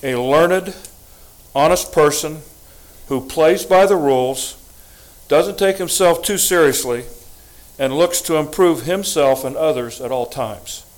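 A man's voice: on the high side, low-quality recording. Older man giving a formal public address. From United States. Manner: formal, deliberate, emphatic. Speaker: public commenter at school board meeting. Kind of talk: prepared public statement.

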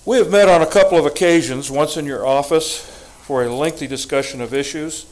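At a school board meeting, an older American man reads a prepared public statement in a fairly high voice. He is formal, deliberate and emphatic, and the recording is rough.

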